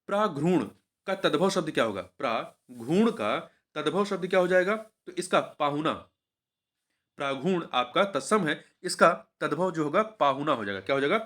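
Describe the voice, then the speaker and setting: A man with a fairly high voice teaches in a steady exam-prep walkthrough. He goes through each answer, says it twice, and keeps putting questions back to the listener. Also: normal speed. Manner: repeats each answer, quizzing the viewer.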